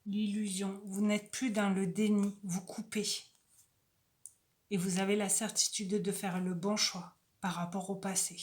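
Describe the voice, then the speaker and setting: A woman reads oracle cards aloud in a soft, casual voice and stops for chatty asides to her viewers. She speaks slowly and without hurry. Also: mid-range voice, level tone. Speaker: oracle card reader. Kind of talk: casual oracle card reading.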